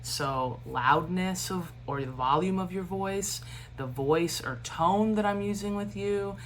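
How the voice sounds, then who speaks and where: A low-voiced woman teaches a recorded online lesson. She keeps a steady cadence while adding animated emphasis and informal asides. A faint hum sits behind her voice. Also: takes it slowly. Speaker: instructor. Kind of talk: lecture for a recorded online class.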